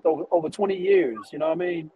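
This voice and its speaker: A man's voice: on the high side, quick pace, highs cut off, slight background noise. A man being interviewed as a rapper, talking in a laid-back casual way.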